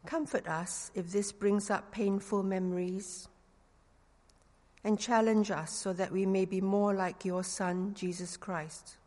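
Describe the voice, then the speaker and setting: A middle-aged preacher from Singapore delivers an earnest sermon with gentle humor and leads a prayer. Her Singaporean English accent carries a touch of London slang, and her medium-pitched voice has a big-room sound.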